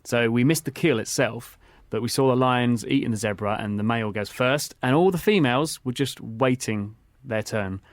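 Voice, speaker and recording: A man's voice: medium pitch, moderate pace, few pauses, dry recording. A man co-hosting a travel podcast, telling stories in an easygoing way with lots of fillers. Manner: easygoing storytelling with frequent fillers. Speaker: podcast co-host. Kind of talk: casual travel chat.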